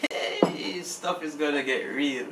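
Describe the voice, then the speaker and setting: A man's voice: a little high, slow pace. A man chatting casually as a participant in a vlog challenge. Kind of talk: casual chat. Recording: echoey room, far mic, clear noise.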